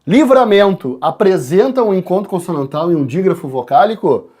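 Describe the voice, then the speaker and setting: With a high-sitting voice and a moderate pace, this Brazilian teacher walks the class through exam answers. He addresses students directly and calls out and spells the letters in a lively way.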